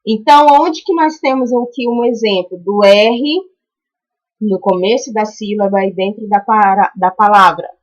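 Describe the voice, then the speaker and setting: A Brazilian woman teaching a primary school class in a recorded lesson, walking through each exercise patiently and stretching out example words slowly. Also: mid-range voice, dull audio. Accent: Brazilian Portuguese. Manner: patient, explains step by step and checks in with "tá?".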